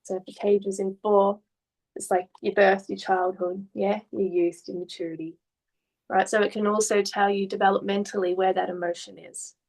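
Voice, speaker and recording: A woman art therapist gently asking questions and explaining what a client's drawings mean. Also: medium pitch, little pitch movement, normal speed, vocal fry, poor audio. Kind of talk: therapy session conversation.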